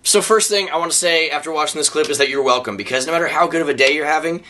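A young man vlogging about skateboarding, his voice hoarse and worn out, joking at his own expense and rambling with fillers. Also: on the high side, very fast, sharp tone, a little hiss or hum. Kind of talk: casual vlog talk to camera.

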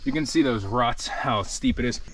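On a rainforest volcano trail, a travel vlogger in his twenties talks casually into an action camera held out at arm's length. He has a medium-pitched, fairly bright voice and speaks at a normal speed, with faint outdoor noise behind him.

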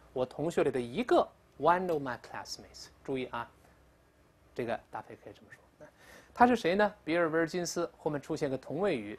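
An English teacher giving a recorded lecture, explaining step by step, asking the class questions and repeating words slowly for drilling. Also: medium pitch, husky. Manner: asks questions of the class in a sharply raised voice. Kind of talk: recorded grammar and pronunciation lecture.

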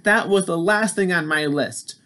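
A man voicing Toad, a fussy, anxious little male toad who wails and frets, in a storybook read-aloud. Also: measured pace. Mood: glum. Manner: high, wailing and excitable.

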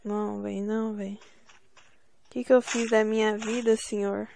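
A woman's voice: mid-range voice, level tone, normal speed, creaky, mellow, slight background noise, low-quality recording. A woman from Brazil hosting a gaming video from home, bossing and teasing her teammates in exasperated banter. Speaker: gameplay channel host. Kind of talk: casual gaming commentary.

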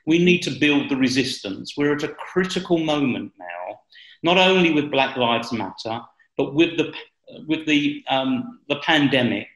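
A man's voice: mid-range voice, animated, a little slow, a bit bright. Older man on an echoey call. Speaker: political commentator. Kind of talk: political discussion. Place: bright room at home. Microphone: video call. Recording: roomy, echoey video call.

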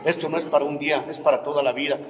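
Blunt, high-voiced Mexican man preaching in a hall. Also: steady tone, racing, a crowd in the background. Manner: blunt, profane, scolding, bursts of loud emphasis. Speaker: recovery group speaker. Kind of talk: preachy motivational talk to a recovery group.

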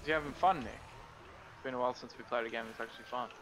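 A man's voice: medium pitch, quick pace, fairly bright tone, faint music behind. A young man joking around while playing a co-op game. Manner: joking, goofy. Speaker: co-op player. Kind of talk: casual gameplay chat.

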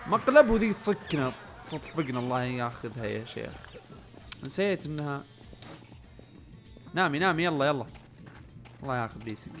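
A young man giving casual let's-play commentary, muttering to himself and yelling when things go wrong. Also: mid-range voice, brisk, long pauses, faint music behind. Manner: chatty, often muttering under his breath, bursts of panicked yelling. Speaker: gaming channel host.

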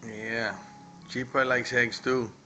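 Bright-voiced father coaxing his child. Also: medium pitch, little pitch movement, slow, slight background noise, poor audio. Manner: coaxing, gentle parental talk. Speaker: father filming his daughter at breakfast. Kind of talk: casual home video chat.

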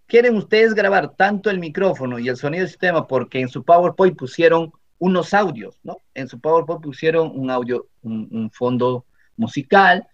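Walking teachers through software one step at a time, this Peruvian-accented instructor frequently makes sure his audience is following along in the screen-recorded tutorial. His voice sits on the high side, picked up by a computer mic in slightly dull, lo-fi quality.

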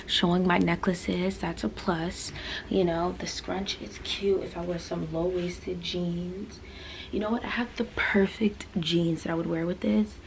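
Chatty twenty-year-old woman, gravelly edge. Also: fairly low pitch, fairly even intonation, measured pace, a little hiss or hum. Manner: chatty, rambling, full of fillers and asides. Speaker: fashion vlogger. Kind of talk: casual try-on haul chat. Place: small bedroom. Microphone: camera on a stand, mid-distance.

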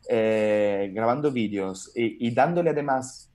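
Speaking a little slowly in a medium-pitched, slightly mellow voice, an Italian-accented man in his thirties tells his story as a guest comedian. He meanders with many fillers and restarts during this casual interview chat on a video call from his home in Italy's diaspora of comedians, originally from Italy.

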